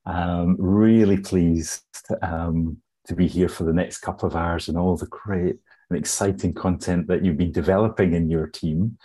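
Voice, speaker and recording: Scottish male webinar host, low mellow voice, friendly, hesitant with fillers. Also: fairly even intonation, moderate pace, breathy edge. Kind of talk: webinar housekeeping. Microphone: video call.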